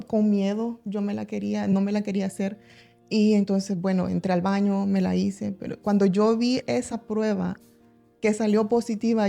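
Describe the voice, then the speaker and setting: Flat-voiced woman giving church testimony. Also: mid-range voice, creaky. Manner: earnest, halting, many restarts and fillers. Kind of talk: personal testimony in a church podcast.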